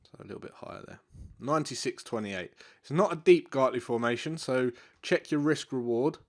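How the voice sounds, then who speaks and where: In a brisk live market walkthrough, a forex trading educator explains charts in a loose, unscripted way, full of fillers and repeated points. He sounds relaxed but congested, as if he has a cold. His pitch sits in a man's middle range.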